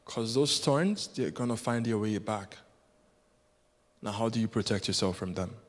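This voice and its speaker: A man with a lowish voice, whose first language is Yoruba, preaches a sermon as a guest preacher at normal speed. His delivery is earnest and rhythmic, building through repetition, and the recording carries long hall reverb.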